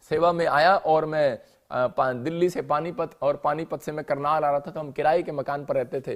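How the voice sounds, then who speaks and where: A man preaching a sermon in a church, telling a story and acting out the quotes, moving between loud outbursts and soft lines. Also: on the high side.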